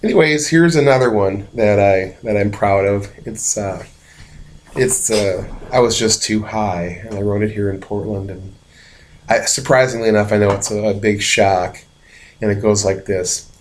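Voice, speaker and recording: Male street singer-songwriter, low voice, rambling and self-deprecating patter between numbers. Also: moderate pace. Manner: rambling, hesitant, wry and self-mocking. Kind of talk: casual talk to camera between songs.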